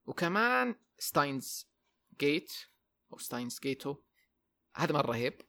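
A man's voice: on the high side, big pitch swings, moderate pace, vocal fry, bright, forceful tone. A young man hosting a casual podcast chat, rambling, repeating words and slipping into English. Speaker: podcast host.

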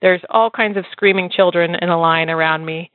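A woman telling her story as an interview guest, animated and laughing often as she talks. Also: lowish voice, moderate pace, no echo. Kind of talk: casual storytelling. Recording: dry, phone-like lo-fi line.

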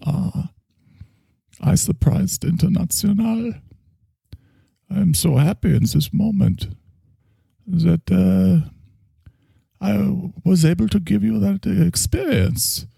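A man voicing a gentle, solemn psychoanalyst with a slow, soothing, grandiose way of speaking. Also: high voice, creaky, breathy edge, dry recording, studio quality, voice pushed up, full character voice. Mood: earnest. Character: gentle, solemn male German psychoanalyst, middle-aged.

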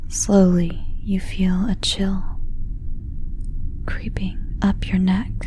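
Speaking in a soft, unvoiced whisper, a woman slowly guides the listener through a visualization story told in the second person. Her pitch sits in the middle and her delivery stays flat.

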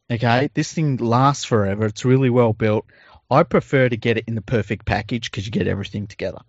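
A man's voice: mid-range voice, a little mellow, dry recording, muffled recording. An Australian man co-hosting a podcast in casual chat and informal ad reads, with a jokey, informal manner. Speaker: podcast co-host.

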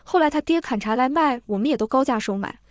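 A woman's voice: sits high, expressive, fast, no echo, studio quality. A woman voicing an impatient male innkeeper who grumbles with irritation. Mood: grumbling.

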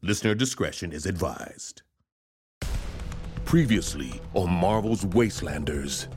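A man's voice: sits low, lively intonation, a little slow, a little mellow. A man giving scripted announcements as the announcer of a drama podcast. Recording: music behind.

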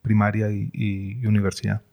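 A middle-aged man, a guest in an interview, speaking in a thoughtful, measured way with frequent hesitations. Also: fairly low pitch, monotone, vocal fry, muffled recording. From Colombia. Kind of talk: reflective conversation.

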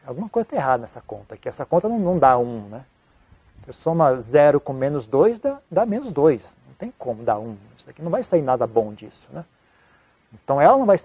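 A man, a monk answering an interview question in a casual, halting way with many restarts. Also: fairly high pitch, warm tone, slightly rough, no echo. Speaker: Buddhist monk giving advice.

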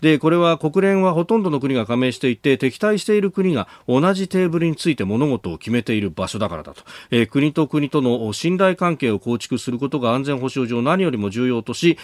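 A man hosting a radio news show, explaining the day's stories in a measured way with frequent filler pauses. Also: mid-range voice, lively intonation, dry recording. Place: radio studio.

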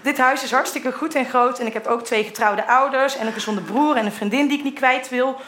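A woman's voice: sits high, fairly quick, fairly bright tone, a little hiss or hum. A middle-aged woman reading her old teenage diary entries aloud in a candid way, sometimes laughing at what she wrote. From Netherlands.

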